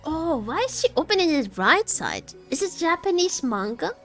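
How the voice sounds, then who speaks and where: Her voice sits high and swings widely in pitch as she chats with viewers at a moderate pace. She's a game livestreamer offering playful, casual reactions, often repeating herself, over faint game music.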